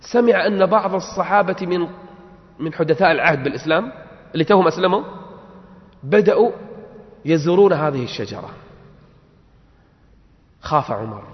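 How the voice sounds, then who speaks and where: A man preaching a storytelling sermon, dramatic, swinging between loud exclaiming and hushed asides. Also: fairly high pitch, lively intonation, fairly quick, long pauses. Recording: dull sound with long hall reverb.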